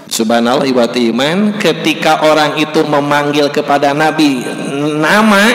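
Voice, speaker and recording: Sundanese guy preaching slow, kinda high voice, big echoey hall. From West Java, Indonesia. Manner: slow deliberate storytelling, acts out shouted calls. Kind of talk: sermon. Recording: echoey hall with faint ambience.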